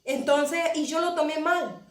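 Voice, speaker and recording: High pitched lady pastor telling her story in a sermon, keeps repeating words for effect, echoey. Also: measured pace. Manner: emotional storytelling, repeats phrases for emphasis. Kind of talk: testimony sermon. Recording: echoey room.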